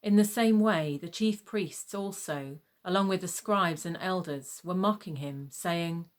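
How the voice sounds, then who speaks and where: A woman reading a scripted gospel narration in a measured, solemn manner. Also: fairly low pitch.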